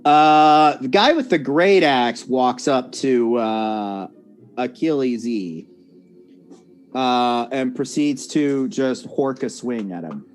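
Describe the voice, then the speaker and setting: Man, game master, slow-paced, lively pitch, laughing, self-correcting, faint background music. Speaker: dungeon master. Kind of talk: narrating a tabletop game.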